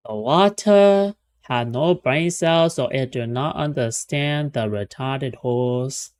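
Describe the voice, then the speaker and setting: A man's voice: fairly high pitch, clear, resonant tone. A man putting on a tired, exasperated drawl. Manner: slow, drawn-out, deliberately tired delivery. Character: weary exasperated man explaining something simple. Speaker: streamer reacting to a debate.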